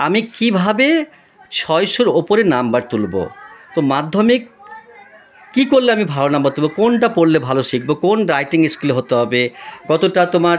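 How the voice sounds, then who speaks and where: Tuition teacher checking in constantly. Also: male voice, fairly high pitch. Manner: explains step by step, checks in with "okay?" often, mixes in English terms. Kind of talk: classroom lesson and announcements.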